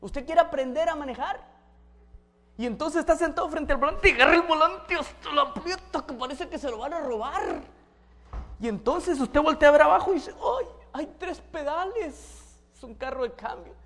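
A woman's voice: high-pitched, fairly quick, fairly bright tone. A woman preaching a sermon, asking the audience questions and acting out everyday scenes with sound effects.

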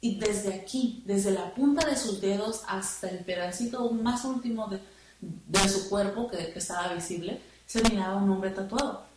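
A woman telling her testimony in church, halting and repeating words as she remembers. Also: medium pitch. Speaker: church member giving testimony. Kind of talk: spoken testimony. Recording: echoey room, far from the mic, noisy.

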